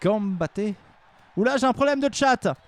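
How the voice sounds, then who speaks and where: Very high-pitched gravelly male commentator. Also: expressive, normal speed. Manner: jokey, rambling, bursts of shouted hype. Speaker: streamer commentating battles. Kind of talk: live stream play-by-play commentary.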